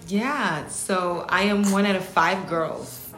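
A podcast host from New Jersey, USA, opens with a scripted intro and then slides into casual chat. Her mid-range, fairly bright voice moves slowly, and she's upbeat and emphatic, laughing easily. Soft music plays behind her.

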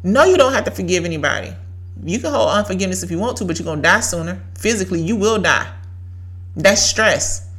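Woman in her thirties, podcast host, fairly low voice, preachy and emphatic with repeated lines. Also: expressive, fast talker, a bit bright. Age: 30s. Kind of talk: faith-based motivational talk.

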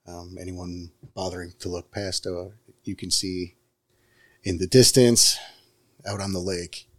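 A man runs a tabletop roleplaying game in a low-pitched voice. He narrates scenes off the cuff as game master. The sound is dry, with very little room on it. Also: level tone, unhurried, fairly bright tone, dry recording.

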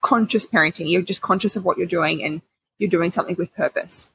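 A woman's voice: fairly low pitch, fairly quick, creaky, fairly bright tone, slight background noise, rough recording. A young woman co-hosting a parenting podcast, agreeable and reassuring in casual chat. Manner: agreeable, reassuring, laughs often. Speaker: podcast co-host.

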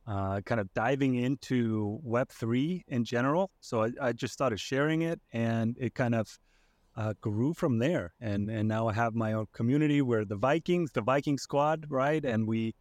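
Thoughtful guest from Iceland, dry sound. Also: male voice, medium pitch, moderate pace, darkish tone, no room sound. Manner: hesitant, many fillers and restarts, thoughtful. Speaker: podcast guest. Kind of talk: casual conversation.

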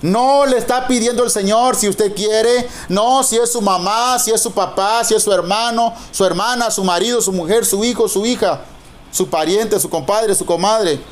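Give me a middle-aged man delivering an emphatic sermon in a high voice, stretching words for stress. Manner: emphatic preaching, stretching key words slowly. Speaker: pastor.

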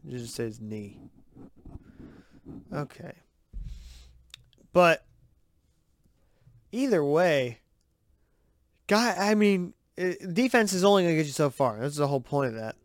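A man hosting a sports podcast, giving excitable, rambling, profane commentary over game footage. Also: a little high, dry recording, studio quality.

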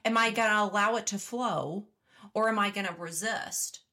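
A woman's voice: mid-range voice, moderate pace, pushed and bright. A woman hosting a casual podcast interview, encouraging and affirming her guest. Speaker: podcast host.

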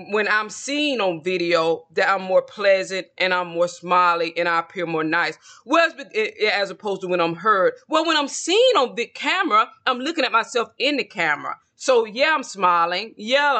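Talking alone to the camera, this man in his late forties makes tarot videos and rambles confidently, circling back over the same ideas. His voice sits high and sounds pushed and bright in the casual monologue.

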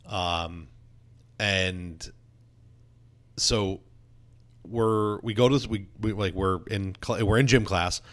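Low-voiced man telling stories casually. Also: slow pace, long pauses. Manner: self-deprecating, laughing, many restarts. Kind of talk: casual storytelling chat.

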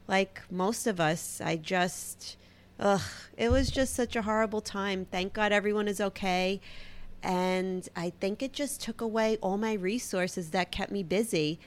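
A woman in her thirties with a Brooklyn accent talks alone into the mic as a podcast host. Her voice sits at an ordinary middle pitch. She chats loosely and pokes fun at herself. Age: 30s. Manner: chatty and self-deprecating. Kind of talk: casual solo podcast talk.

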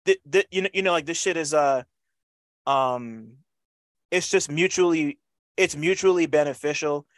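Halting, casual man with a dry close sound. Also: on the high side, dry recording. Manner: halting, repeats words, frequent "you know"; casual swearing and slang. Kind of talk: casual conversational interview talk.

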